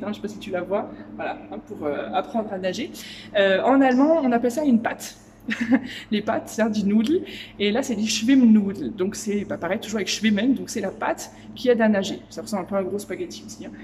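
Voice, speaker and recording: A young woman gives a casual German lesson while seated beside a swimming pool. She talks in a friendly, chatty way and slows right down to say each new word clearly. Faint ambient sound hums behind her. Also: medium pitch, a little mellow, slight background noise. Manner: chatty, spells out German words slowly. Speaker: German language teacher. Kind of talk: casual teaching video.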